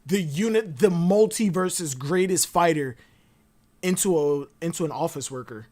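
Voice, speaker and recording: Animated, rambling anime-chat guest. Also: medium pitch, a little slow. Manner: rambling and animated, full of digressions. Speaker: podcast guest. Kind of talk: casual anime theory chat.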